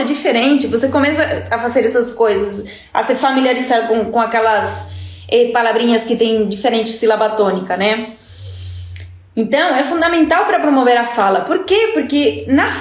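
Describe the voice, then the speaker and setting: A woman's voice: sits high, roomy sound. A woman from Uruguay, a native Spanish speaker with a Uruguayan Spanish accent, teaching Spanish in a live-stream lesson and checking in with her listeners all the time. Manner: chatty, checks in with listeners often.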